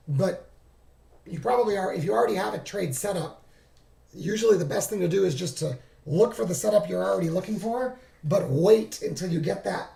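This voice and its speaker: On a laid-back screen-share, a trading streamer who is losing his voice reviews his charts, reasoning aloud and pausing often to correct himself. He sounds gravelly and faint, sitting slightly high with a mellow, darkish tone, and a clear echo comes from the room.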